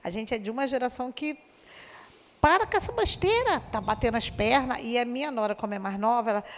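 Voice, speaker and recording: A woman in her sixties with a fairly high voice tells a personal story to her class. She talks chattily and keeps tagging her sentences with little questions. Her voice carries a long echo, as if in a big room. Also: fast talker, a little hiss or hum. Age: 60s. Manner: chatty, frequent tag questions, laughs while telling. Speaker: student.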